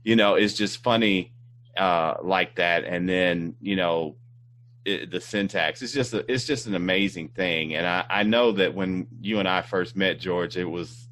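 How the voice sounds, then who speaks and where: A man's voice: sits low, unhurried, fairly bright tone. A man from Indiana hosting a casual interview, rambling with many fillers and restarts. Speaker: talk show host.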